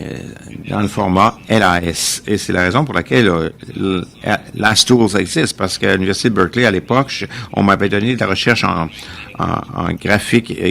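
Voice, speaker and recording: Male live interpreter, creaky low voice, technical conference delivery with stop-and-start phrasing. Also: a bit bright, a little hiss or hum.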